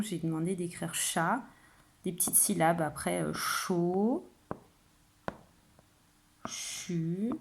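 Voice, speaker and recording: Patient teacher stretching out words. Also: female voice, fairly low pitch, darkish tone, slight background noise. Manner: patient, explains slowly, stretches out example words. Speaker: kindergarten teacher. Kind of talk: home-schooling phonics lesson for parents.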